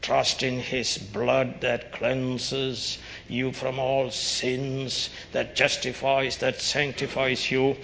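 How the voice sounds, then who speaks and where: A male preacher delivers a doomsday fire-and-brimstone sermon in a forceful, hard-edged voice. He warns sternly and urgently, street-preacher style, in slow and weighty phrases. The sound rings through a long, reverberant hall. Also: mid-range voice, little pitch movement, vocal fry. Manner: emphatic, solemn, deliberate phrasing. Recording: dull, noisy recording in reverberant hall.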